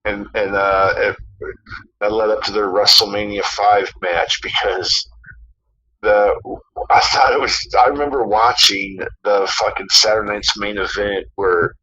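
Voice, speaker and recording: A man's voice: on the low side, steady tone, measured pace, pushed and bright, dull audio, slight background noise. A man co-hosting a casual podcast, rambling through a story with many fillers and some swearing. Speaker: podcast co-host.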